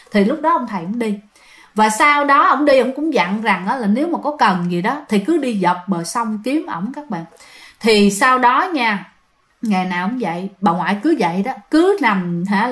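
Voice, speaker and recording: Woman, Southern Vietnamese accent, ghost story narration, chatty, many fillers, slightly high voice.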